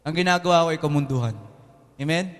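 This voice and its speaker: Filipino man, young pastor, high voice, lively joking sermon, long church reverb. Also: a little fast. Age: young adult. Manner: lively, joking, often asks the congregation "Amen?". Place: church hall with air conditioning.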